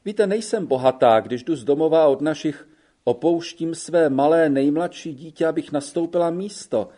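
A man's voice: a little high, mellow, voice pushed up, lightly acted. A male narrator voicing a young Italian woman working as a wet nurse, tired and complaining on a hot train ride. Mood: plaintive. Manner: plaintive, sighing complaints.

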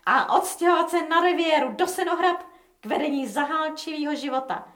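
A woman's voice: high voice, fairly bright tone, pitched above the performer's own voice. Woman voicing a smug gang boss, lecturing, businesslike, echoey room. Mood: scheming. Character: pompous male gang boss, smug and sly.

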